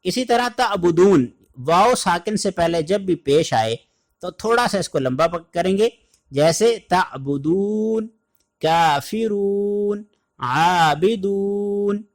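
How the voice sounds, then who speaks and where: A Pakistani man with a slightly high voice leads an online Quran recitation class. He breaks down how letters sound, then recites verses in a slow, stretched-out chant.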